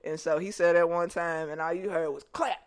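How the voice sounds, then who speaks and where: A woman hosting a podcast, telling childhood stories in a casual, animated way and laughing often. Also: fairly low pitch, brisk. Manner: animated, joking storytelling with lots of laughter. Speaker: podcast host. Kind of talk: casual chat, reminiscing.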